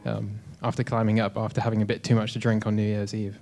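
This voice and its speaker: A man in his twenties from South Africa tells a relaxed, self-deprecating story to an audience, often pausing on "um", speaking into a handheld microphone in a dim hall. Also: fairly low pitch, gravelly, soft background music. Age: 20s. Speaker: speaker at a live talk event. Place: dim lecture hall with a projector screen.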